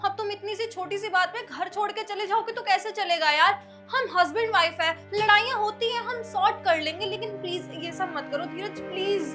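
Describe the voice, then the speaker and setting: A woman's voice: extremely high pitch, fairly quick, hardly any pauses, over music. A woman acting as a hot-tempered wife in a short drama, scolding her husband and later begging him to stay. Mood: pleading. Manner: scolding, then pleading. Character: hot-tempered young wife, proud then pleading. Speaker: angry wife. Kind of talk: scripted web short drama.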